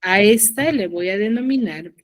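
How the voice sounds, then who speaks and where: A female teacher whose Spanish carries a Peruvian accent runs an online class with an ordinary, mid-pitched voice and lively intonation. Patient throughout, she emphasizes key terms and says them again. She stops often to make sure her students are keeping up.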